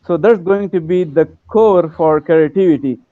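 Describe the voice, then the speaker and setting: A man's voice: a little high, no room sound. Earnest polite man on a dull call. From Afghanistan. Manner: earnest, polite, halting with many fillers. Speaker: university lecturer, class participant. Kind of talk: casual online conversation. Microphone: video call. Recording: dull, dry online call audio.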